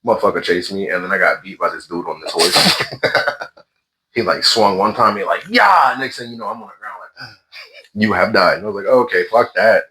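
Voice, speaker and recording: A man telling stories in a casual gaming chat, animated and exasperated, swearing freely. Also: deep voice, a little fast, low-quality recording.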